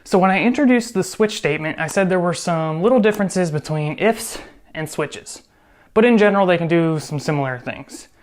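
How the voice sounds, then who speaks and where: Speaking a little fast in a high-pitched voice with lively intonation, this man teaches programming in a laid-back screen recording. He chats, cracks jokes, and frequently fixes his own mistakes mid-explanation.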